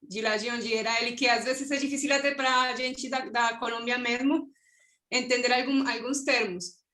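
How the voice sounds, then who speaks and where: A woman's voice: on the high side, steady tone, moderate pace, bright, forceful tone, roomy sound. A Colombian woman, a native Spanish speaker, answering questions on an online academic panel with a Colombian accent, hesitant and searching for words, often ending with a tag question. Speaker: conference presenter. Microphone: video call.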